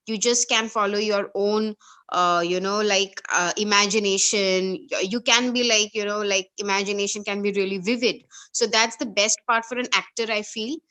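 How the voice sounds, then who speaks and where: Brief: woman, bright tone, earnest video-call participant. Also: mid-range voice. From India. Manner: earnest, enthusiastic.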